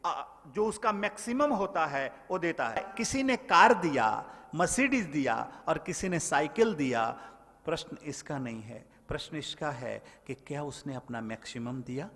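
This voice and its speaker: A man preaching a sermon as a spiritual teacher, swinging between loud exhortation and soft storytelling and calling listeners his brothers. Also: on the high side, animated, a little slow. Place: large event hall. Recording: long hall reverb.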